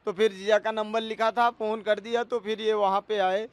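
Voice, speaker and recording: A man's voice: high voice, flat delivery, normal speed, smooth, dry recording. A man in his thirties, a cook, pleading his case in a news interview and calling the interviewer sir again and again. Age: 30s. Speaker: cook alleging assault.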